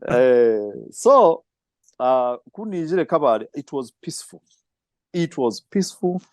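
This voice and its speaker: A middle-aged man answering interview questions, reflective and storytelling, with soft laughs. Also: medium pitch, very animated, measured pace, dry recording. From Kenya. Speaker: filmmaker and film trainer.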